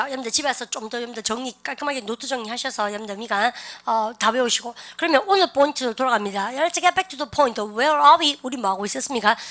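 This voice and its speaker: In an online English grammar lesson, a woman with a voice on the high side animatedly urges her students to say example sentences aloud after her.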